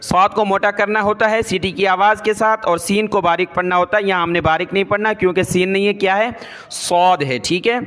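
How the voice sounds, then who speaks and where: A man teaching Quran recitation, spelling out each syllable patiently and slowly drawing out the recited words. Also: high-pitched, steady tone, a bit bright.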